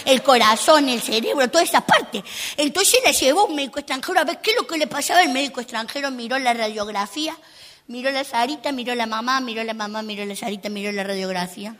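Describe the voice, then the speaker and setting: A woman's voice: a little high, quick pace, a bit bright, lightly acted. A woman doing a sassy little girl comic. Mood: indignant. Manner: indignant, sassy, rhetorical asides. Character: cheeky, indignant little girl. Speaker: stand-up comic in character. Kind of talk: comic monologue.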